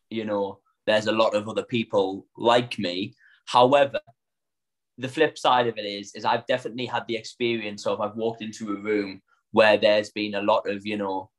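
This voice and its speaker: A young man with a Northern English accent talks in a low voice. He is an actor in a relaxed, reflective chat, and his speech is loose and full of fillers. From Northern England. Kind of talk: casual chat.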